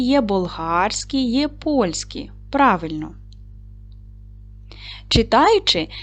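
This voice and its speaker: A woman teacher giving a reading lesson to young children, with a clear, encouraging manner that leads them through questions. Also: on the high side. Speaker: primary school teacher.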